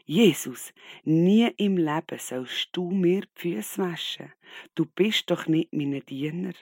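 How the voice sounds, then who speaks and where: Guy voicing peter, impulsive disciple, protests hard, gravelly voice. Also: on the high side, lively intonation, slow, a little mellow, no room sound, clean studio sound, pitched above the performer's own voice, full character voice. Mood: protesting. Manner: emphatic, protesting.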